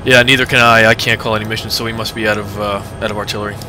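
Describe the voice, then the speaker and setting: A man speaking in measured, hesitant military radio procedure as a player commander in a tank simulation, with a crackly radio sound. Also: little pitch movement, over music. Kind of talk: radio-procedure game communication. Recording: crackly radio, heavy rumbling background noise.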